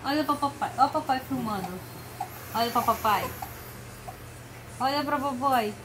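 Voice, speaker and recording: High-pitched mother cooing to her baby. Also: measured pace. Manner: coaxing, cooing sing-song to a baby. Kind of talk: home video baby talk. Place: bedroom at home. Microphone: camera held by someone else, at a distance. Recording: echoey room, far from mic, background noise.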